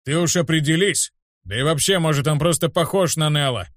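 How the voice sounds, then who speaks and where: A man doing a gruff, irritable older man. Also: fairly high pitch, brisk, no room sound, studio quality, pitched above the performer's own voice, natural voice. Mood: brusque.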